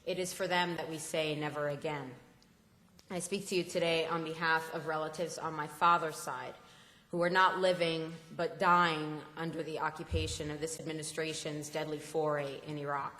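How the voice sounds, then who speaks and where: A woman giving an impassioned public speech at an assembly, often pausing with fillers. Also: deep voice, flat delivery, sharp tone. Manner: impassioned, halting with many fillers. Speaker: speaker at a political assembly. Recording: echoey hall, roomy long reverb.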